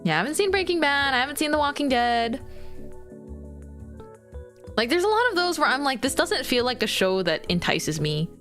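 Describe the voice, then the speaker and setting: Chatting with her chat while she draws, this young woman streamer rambles casually, using fillers and giggling frequently. Her high-pitched voice is sing-song and fairly bright, at normal speed with long pauses, over faint music.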